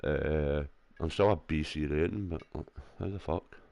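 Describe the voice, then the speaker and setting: A man's voice: extremely low pitch, moderate pace, vocal fry, darkish tone. A Scottish man with a headset, chatting loosely and swearing while he plays, with his dog beside him at home. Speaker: gaming streamer. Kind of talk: casual chat while racing.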